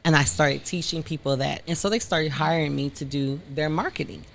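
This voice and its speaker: A woman from Detroit, a content creator, telling her story in a frank, animated interview chat. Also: low voice, brisk, creaky, slight background noise. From Detroit, Michigan.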